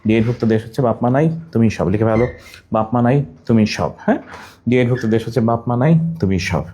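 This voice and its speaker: A man's voice: medium pitch, brisk, warm tone, highs cut off, slight background noise. A man from Bangladesh teaching a general knowledge class, repeating each item over and over and telling students to write down memory tricks. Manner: asks students questions and tells them to write things down.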